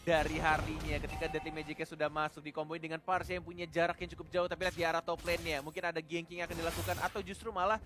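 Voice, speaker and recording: A man's voice: a little high, level tone, very fast, hardly any pauses, music in the background. A man with an Indonesian accent giving live commentary on a video game match. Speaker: esports commentator.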